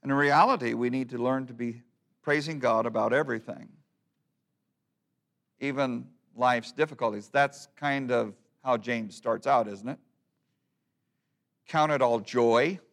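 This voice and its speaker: A man's voice: mid-range voice, moderate pace, vocal fry, fairly bright tone. A man preaching a sermon, talking plainly to his congregation and reading an old hymn poem aloud with rising emphasis. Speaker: pastor.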